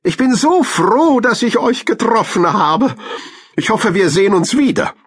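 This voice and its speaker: A man's voice: sits high, big pitch swings, unhurried, slightly rough, voice pushed up, heavily acted. A man voicing a cheerful female squirrel. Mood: friendly. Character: friendly helpful female squirrel.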